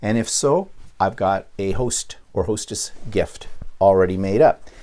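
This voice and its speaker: A middle-aged man from Canada, chatting casually on his quilting vlog, rambling with frequent ums and restarts, clearing his throat now and then. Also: low voice, measured pace, dark tone. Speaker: quilting vlogger. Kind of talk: casual show-and-tell vlog.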